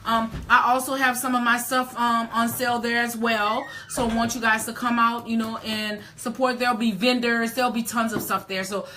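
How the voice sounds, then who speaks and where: A woman's voice: fairly high pitch, little pitch movement, moderate pace, hardly any pauses, bright, forceful tone, a little hiss or hum. A woman in her late forties hosting a casual live chat, emphatic and folksy, repeating words for stress. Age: 40s. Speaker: host.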